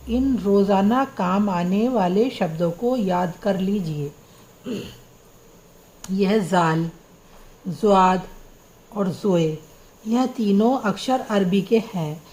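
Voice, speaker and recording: A woman's voice: mid-range voice, warm tone, rough recording. A woman teaching Urdu script, patiently spelling out words letter by letter. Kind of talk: slow spelling-out lesson.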